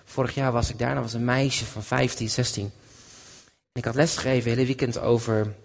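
A man preaching a sermon in an animated, emphatic way. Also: mid-range voice, brisk, gravelly, big-room sound. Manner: animated, emphatic, rising to loud questions.

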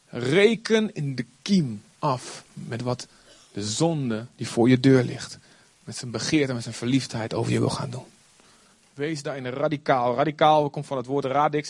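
A man preaching a sermon, animated, acting out quotes with sudden loud outbursts. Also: medium pitch, dry recording. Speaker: pastor.

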